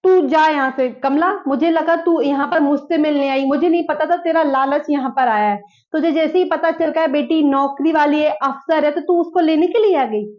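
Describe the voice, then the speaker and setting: A woman playing a proud middle-aged foster mother in a drama skit, scolding in a reproachful, forceful way. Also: high voice, moderate pace, close to an everyday voice. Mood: defensive. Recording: dull lo-fi recording.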